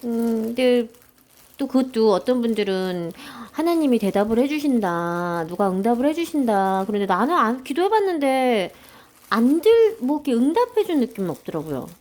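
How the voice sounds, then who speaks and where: A woman chatting casually and alone while she cooks at home, thinking aloud in an unhurried, hesitant way. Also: on the high side, darkish tone. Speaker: home cooking vlogger. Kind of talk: casual solo chat while cooking. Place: at home while preparing food.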